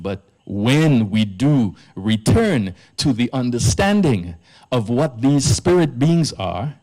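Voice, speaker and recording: A man delivers a public talk as a priest, speaking at an unhurried, measured pace. His voice sits at an ordinary middle pitch, and he leans hard on the words that matter. It is an earnest lecture given live at an arts centre. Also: darkish tone. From Trinidad. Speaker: priest giving a presentation.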